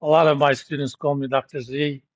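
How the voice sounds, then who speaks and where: A man's voice: on the high side, flat delivery, a little fast, no echo, highs cut off. A middle-aged man from Turkey who teaches at a university, lecturing his class in a blunt, joking, informal way. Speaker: university professor.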